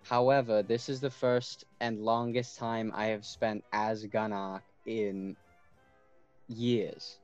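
A man playing a tabletop game, speaking in character and explaining himself earnestly with pauses and restarts. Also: on the low side, flat delivery, smooth, dull audio, faint music behind. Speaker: player. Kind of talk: in-character tabletop role-play.

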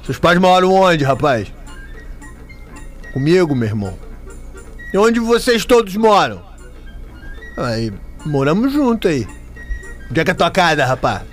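A man's voice: a little high, big pitch swings, a little slow, pauses often, faint music behind, voice pushed down. A radio host playing a laid-back guy who tells a joke in slangy, breezy speech. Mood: joking. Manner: breezy, slangy, calls everyone "meu irmão".

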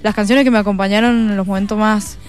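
A woman's voice: mid-range voice, fairly even intonation, fast, soft background music. A young woman with an Argentine Spanish accent, a guest chatting enthusiastically in a radio interview and often restarting her sentences.

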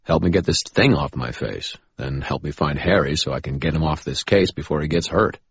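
A man's voice: rumbling low, brisk, gravelly, husky, dull audio, heavily acted. A man voicing the first-person hero in dialogue, tense and pleading. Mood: urgent. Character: urgent young man pleading for help.

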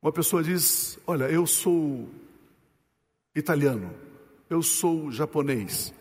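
A male pastor preaches a sermon in a large hall, posing rhetorical questions to the congregation and slowing down and dropping low to stress his points. His voice is a little mellow.

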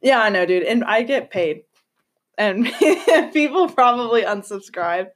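Young woman, casual podcast host; giggly, jokey, swears a lot, lively high voice. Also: measured pace. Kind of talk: casual chat.

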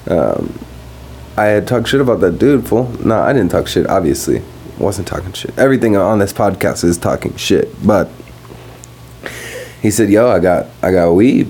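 A young man talking casually and profanely on his podcast while high, rambling from one thought to the next. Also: gravelly, dark tone, a little hiss or hum. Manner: rambling, profane, laid-back. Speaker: podcast host. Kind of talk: casual stoned podcast monologue. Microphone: podcast microphone.

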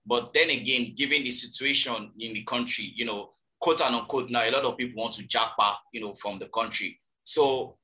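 A man from Nigeria interviewing a guest. His voice is bright and forceful, and he asks long, winding questions padded with fillers. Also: medium pitch, fairly quick, few pauses.

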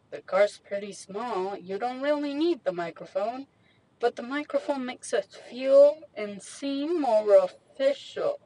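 A young woman chats to her audience from the driver's seat of a small parked car, speaking close into a microphone. She rambles in a slangy, self-mocking way and takes her time, drawing her words out at an unhurried pace. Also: mid-range voice, dark tone, poor audio. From Mexican heritage. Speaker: vlogger. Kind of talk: casual chat. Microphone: handheld USB microphone.

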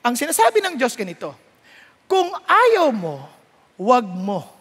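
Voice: mid-range voice, huge pitch swings, a little slow, a bit bright, husky, big-room sound. A preacher giving a sermon, switching between Tagalog and English and asking the congregation rhetorical questions. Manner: mixes Tagalog and English, reads scripture aloud.

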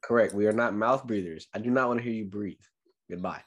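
Blunt, low-voiced man. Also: quick pace, dull audio. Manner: blunt, emphatic, repeats phrases. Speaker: podcast co-host. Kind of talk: casual chat.

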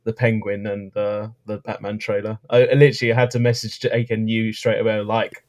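A man chatting casually and enthusiastically as a guest, his voice croaky and a little hoarse. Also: fairly low pitch, monotone, brisk, darkish tone. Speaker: podcast guest, filmmaker. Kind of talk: casual conversational chat.

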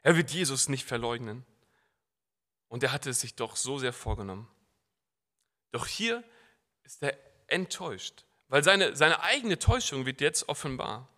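A man's voice: medium pitch, animated, moderate pace, pauses often, bright, forceful tone. A young man preaching a sermon in an earnest, conversational way, asking his congregation questions. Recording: long church reverb.

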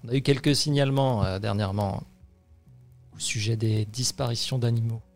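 A man voicing a stern senior police officer who talks slowly and formally in a tabletop game. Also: mid-range voice, fairly even intonation, a little mellow, faint music behind, natural voice.

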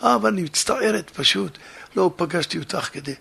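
An awkward young woman stumbles over her words while delivering sad news, played by a male preacher in a story sermon. She speaks in a hushed, halting way, with a gravelly rasp. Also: high-pitched, expressive, exaggerated voice. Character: hesitant young woman friend breaking bad news.

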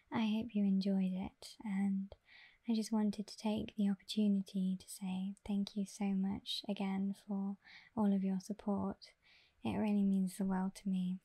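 A woman reading aloud in a soft ASMR whisper, close to the microphone. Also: mid-range voice. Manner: soft and even, unhurried. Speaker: ASMR reader.

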